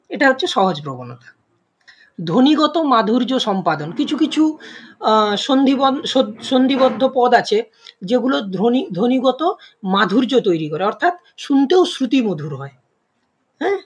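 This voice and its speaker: A woman's voice: on the high side, breathy edge. A woman teacher with a Bengali accent explaining a grammar lesson, asking and answering her own questions with some hesitations.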